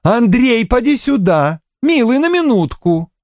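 A man reading the part of a moody, sharp-tongued young woman in an audiobook, lifting his voice higher. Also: sing-song, measured pace, no room sound, studio quality, full character voice. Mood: scornful gossip. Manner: lifts voice higher, gossipy and scornful.

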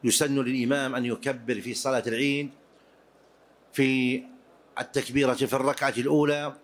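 A man at a middle pitch gives a classroom lesson on religious law. He explains each rule step by step and repeats the main points so his students can follow. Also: level tone, brisk. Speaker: Islamic jurisprudence teacher. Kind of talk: classroom lecture on prayer rules.

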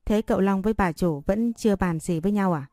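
A woman's voice: medium pitch, brisk, dark tone, no room sound, studio quality, close to an everyday voice. A woman doing a coaxing, scheming woman. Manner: coaxing, persuasive.

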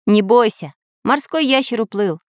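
A woman's voice: fairly high pitch, animated, normal speed, dry recording, studio quality, close to an everyday voice. A woman voicing a metal handyman figure who speaks earnestly and practically. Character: handy tin-man tinkerer who fears rust.

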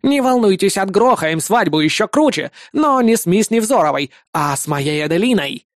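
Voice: medium pitch, expressive, normal speed, dry recording, clean studio sound, close to an everyday voice. A reader voicing a smug, sly male mobster boss with an oily, gloating manner.

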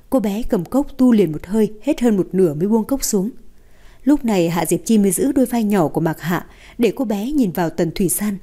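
A woman narrating a romance novel in an even, steady storytelling voice. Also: medium pitch.

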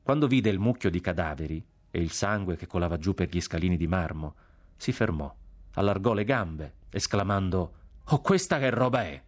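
A man narrates a literary novel in a measured, grave manner. His voice sits fairly low and moves steadily through long sentences. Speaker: audiobook reader.

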